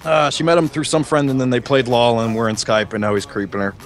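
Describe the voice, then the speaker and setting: A man's voice: mid-range voice, fairly even intonation, fast. A young man chatting with friends while gaming, crude trash talk and lots of laughing. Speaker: gamer in a voice chat. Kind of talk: casual gaming banter.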